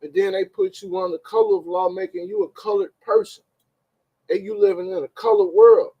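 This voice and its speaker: Livestream host, man, high and gravelly, emphatic slang-heavy delivery. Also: sing-song, a little fast, dull audio. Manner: street slang, emphatic, rhetorical questions. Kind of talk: informal legal talk to a live audience.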